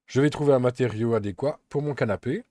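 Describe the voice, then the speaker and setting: A man calmly narrating a step-by-step software tutorial, explaining each action as he works, with an occasional filler. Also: mid-range voice, fast talker, no echo. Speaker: Blender tutorial instructor.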